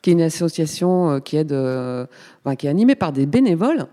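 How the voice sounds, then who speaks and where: A woman in her fifties from Paris, talking as a guest in a casual radio interview, chatty and pausing often with fillers. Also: low voice, sing-song, mellow, in a large hall. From Paris, France. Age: 50s. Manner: chatty, hesitant with many fillers. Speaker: guest, community space coordinator.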